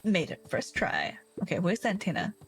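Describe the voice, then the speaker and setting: A woman playing a story game and reading the main boy's lines aloud in an animated, expressive way. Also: lowish voice, brisk, a little hiss or hum. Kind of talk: let's play, reading dialogue aloud. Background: game music.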